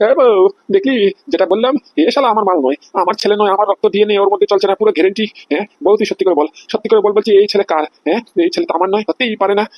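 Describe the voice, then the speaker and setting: A man playing a hot-tempered, boastful middle-aged father who shouts threats and insults in a comedy sketch. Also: sits high, no echo, highs cut off.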